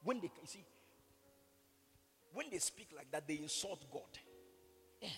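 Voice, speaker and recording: A man, a pastor preaching in a mocking, repetitive style and shouting for emphasis. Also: a little high, a little slow, in a large hall, faint music behind. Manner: animated, mocking, repeats phrases, shouts for emphasis. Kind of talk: sermon.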